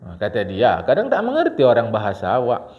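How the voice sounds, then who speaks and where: A man teaching a mosque congregation, talking in an animated way with a lilt and often calling out to his listeners. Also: medium pitch, a little fast. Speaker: religious teacher. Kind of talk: mosque study-circle sermon. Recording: dull lo-fi recording.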